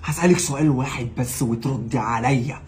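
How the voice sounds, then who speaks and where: A man's voice: mid-range voice, quick pace, a crowd in the background, close to an everyday voice. An actor playing a bewildered young man in a comedy skit, asking questions in a pleading way. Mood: confused. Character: baffled young man searching for his mother.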